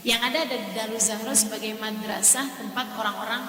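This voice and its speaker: A woman's voice: a little high, steady tone, fairly quick, sharp tone. A woman from Indonesia preaching in a casual storytelling way, addressing her listeners directly and animatedly. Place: mosque hall. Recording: echoey hall, distant mic, faint hiss.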